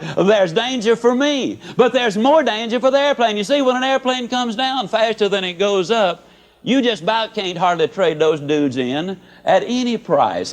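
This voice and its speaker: An older man giving a motivational speech in a folksy, emphatic storytelling manner. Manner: folksy, emphatic storyteller with dramatic pitch swings. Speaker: motivational speaker.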